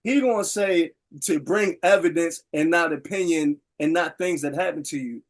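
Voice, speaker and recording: High-voiced man arguing, heated. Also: moderate pace. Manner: argumentative, peppers talk with "bro" and "yo". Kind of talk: heated casual debate.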